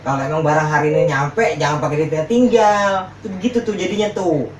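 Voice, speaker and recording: Dad talking plainly, a bit scolding, recorded from across a roomy space. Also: male voice, on the high side, fairly even intonation, a little fast, slight background noise. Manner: matter-of-fact, scolding. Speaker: father in a family prank. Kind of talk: casual family chat. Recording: echoey room, distant mic.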